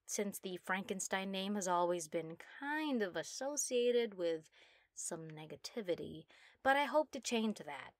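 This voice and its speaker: A woman voicing a proud, giddy young mad scientist obsessed with her work, theatrical and self-satisfied, in a soft ASMR role-play. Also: medium pitch, no room sound, clean studio sound, natural voice.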